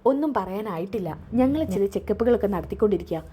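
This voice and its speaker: A calm woman doctor who breaks difficult news carefully, voiced by a woman. She speaks in a measured, reassuring way, with a warm, husky tone. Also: mid-range voice. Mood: grave.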